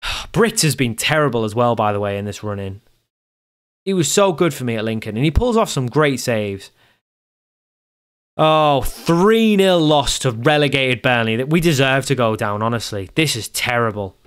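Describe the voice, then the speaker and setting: A young man talks through a football management game in casual, exasperated commentary. He mutters to himself and circles back over the same point again and again. His voice sits at an ordinary middle pitch. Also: lively intonation, a little fast. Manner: exasperated, self-talking, repeats himself. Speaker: gaming YouTuber.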